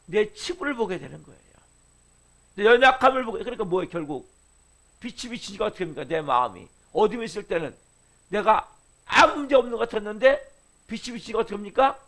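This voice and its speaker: A middle-aged male pastor preaching a dawn-service sermon, firing rhetorical questions at the congregation and dropping from loud urging to hushed lines. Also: high-pitched, very animated, quick pace.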